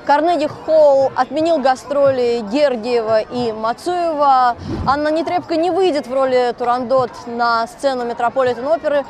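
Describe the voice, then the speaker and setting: A woman reporter reads a news voice-over in a high, crisp delivery. Each sentence is scripted and steady. A faint hiss sits under her. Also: moderate pace.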